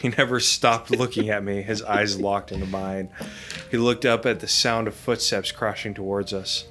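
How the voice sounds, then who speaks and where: Low-voiced man reading a scary story. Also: steady tone, moderate pace, fairly bright tone, faint music behind. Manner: dramatic reading broken by laughter. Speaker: podcast host.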